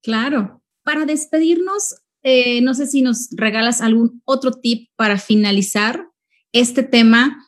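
Woman host, bit higher voice, friendly, lots of quick "claro"s. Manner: friendly, affirming, with frequent "claro". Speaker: interview host. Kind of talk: casual interview hosting.

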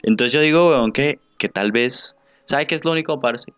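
A man with a Colombian accent, co-hosting a podcast and telling a ghost story in animated, slangy chat, acting out the people he quotes. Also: mid-range voice, normal speed, smooth, no echo, faint music behind. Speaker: podcast co-host. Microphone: remote call mic.

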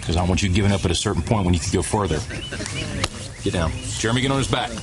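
A man's voice: fast talker, a loud crowd, natural voice. An actor playing a firm, challenging male football coach in a film drama, speaking in a controlled, commanding way. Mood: calm, firm. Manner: low-key, firm, commanding.

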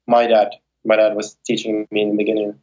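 A man's voice: fairly low pitch, completely flat delivery, a little fast, a little mellow, lo-fi sound. A young man born in Moscow and raised in Ukraine and Las Vegas, answering interview questions in a loose, rambling way with many fillers and restarts. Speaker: guest, circus straps performer.

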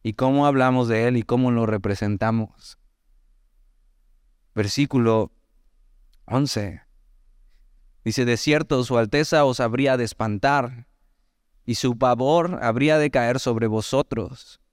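A Mexican man preaching in a relaxed, conversational sermon style, with a Mexican Spanish accent. His voice is smooth and resonant at a mid pitch. It is recorded close and dry, with no room sound. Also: no echo. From Mexico, Veracruz. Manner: conversational, animated asides, reads scripture slowly. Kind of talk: sermon, Bible teaching.

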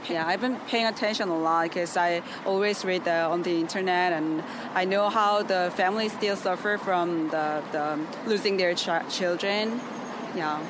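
A Korean-accented speaker answers a street interview hesitantly, pausing often with fillers. The pitch sits mid-range. Traffic noise runs behind the voice. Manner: hesitant, many fillers and restarts. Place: city street outdoors.

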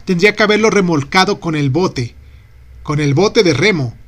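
A man reading aloud and voicing a brusque young male sailor who shouts orders and curses at the helm. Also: sits high, animated, moderate pace, pitched above the performer's own voice. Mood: relieved, explaining.

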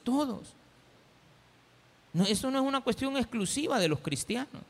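A man with a Salvadoran accent preaching a sermon as pastor, animated and acting out the voices he quotes. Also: high-pitched, creaky, long reverb tail. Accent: Salvadoran Spanish.

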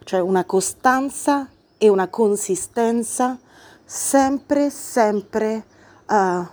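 A podcast host talks through a book in an explanatory monologue, earnest and reflective, thinking aloud as she goes. Her voice is a little high and a little mellow, with drawn-out words.

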